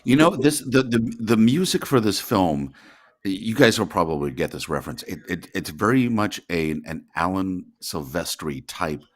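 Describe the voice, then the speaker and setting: A man's voice: low-pitched, expressive, moderate pace. A man giving casual movie commentary, sharing detailed film trivia with friends.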